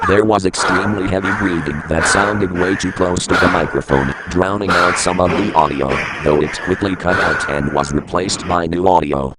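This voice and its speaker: A man's voice: low-pitched, fairly even intonation, moderate pace, hardly any pauses, heavy background noise. A man reading a scripted creepypasta as a first-person narrator. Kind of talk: scripted horror story narration.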